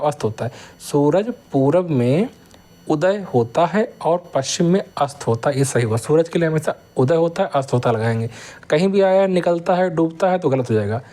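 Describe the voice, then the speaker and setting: A man teaching grammar, reading each sentence aloud slowly and then explaining the correction in quick bursts. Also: fairly high pitch, expressive, mellow.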